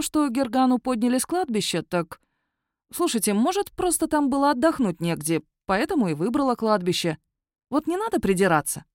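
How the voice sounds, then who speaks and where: A woman's voice: medium pitch, no echo. Woman reading a funny fantasy audiobook, wry, dry room sound. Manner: wry, lively storytelling. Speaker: narrator. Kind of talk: first-person audiobook narration.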